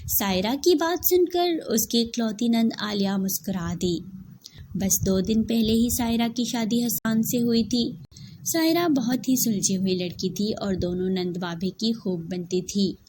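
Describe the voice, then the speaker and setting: A woman giving scripted narration of a cartoon story in a clear, steady voice. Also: fairly high pitch, measured pace, slight background noise.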